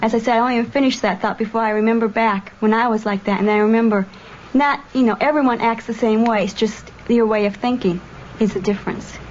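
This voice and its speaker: Thoughtful young woman, fairly high voice. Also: fairly even intonation, quick pace. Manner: thoughtful, self-questioning. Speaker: former student. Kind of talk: candid personal reflection. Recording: dull lo-fi documentary audio with faint room noise.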